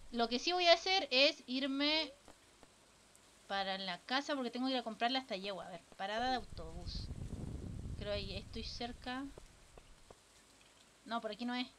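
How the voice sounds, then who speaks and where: Chilean girl streaming a farm game, high bright voice, swears a lot, faint noise behind. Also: normal speed, long pauses. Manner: casual, swears a lot, chats with viewers. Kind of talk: live gameplay commentary.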